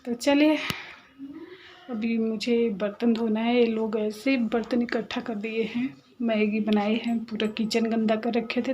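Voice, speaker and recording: A woman in her thirties chats to her viewers from home in a casual vlog. She tells family stories in a gossipy, confiding way and sometimes drops to a hush. Her voice sits a little high, with a mellow, warm tone. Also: lo-fi sound. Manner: chatty, gossipy storytelling, sometimes hushed. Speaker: mother and home vlogger. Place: at home, near the kitchen.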